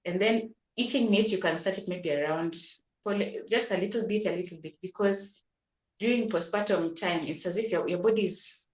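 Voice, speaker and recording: A woman doctor, patiently explaining health advice in an interview, often repeating words and restarting. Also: fairly low pitch. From Kenya. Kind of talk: advisory interview answers. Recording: roomy echo.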